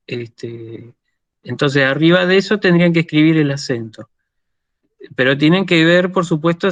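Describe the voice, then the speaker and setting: A man's voice: on the high side, a bit bright, no room sound, lo-fi sound. A man with an Argentine Spanish accent gives a university lecture over a video call, explaining patiently and often checking that students follow. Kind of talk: online lecture.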